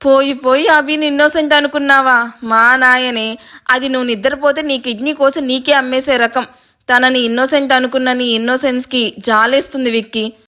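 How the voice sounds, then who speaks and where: A woman reads a joking young man in a storybook reading, full of teasing mockery. The voice is high and bright, close to the narrator's own. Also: steady tone, moderate pace. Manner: joking, mocking.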